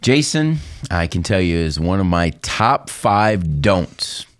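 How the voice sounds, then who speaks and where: Deep-voiced wry male co-host. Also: smooth, no echo. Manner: wry, dry humor, lots of quick agreeing. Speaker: podcast co-host. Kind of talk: casual podcast chat.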